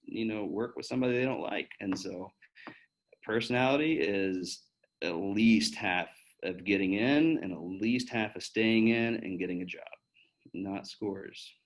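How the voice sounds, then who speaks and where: A man in his thirties with a slightly low voice talks openly to pre-med students about his path into medicine. His delivery is relaxed and conversational, dotted with fillers and false starts as he answers questions one by one. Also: unhurried, poor audio. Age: 30s. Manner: candid and chatty, with many fillers and restarts. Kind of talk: casual Q&A talk.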